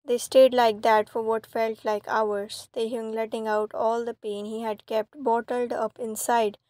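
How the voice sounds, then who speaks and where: Brief: female storyteller, slightly high voice, flat steady delivery, dry close recording. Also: measured pace, no echo. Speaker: fan fiction reader. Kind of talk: storybook narration.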